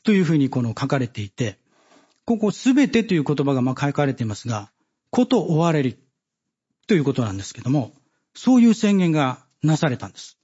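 A man giving a Bible study sermon, measured and halting with many fillers, reading scripture passages aloud. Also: mid-range voice, very animated, warm tone, husky, dull audio. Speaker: preacher.

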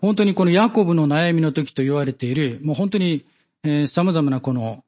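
Husky man preaching a Bible study. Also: on the high side, lively intonation, a little mellow, muffled recording. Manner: measured, with many fillers and pauses, reading scripture aloud.

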